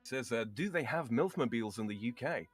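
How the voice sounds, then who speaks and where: A man's voice: medium pitch, animated, brisk. A man co-hosting a casual podcast, making dry quips and reading donation messages with plenty of fillers. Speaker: podcast co-host. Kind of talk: casual livestream banter.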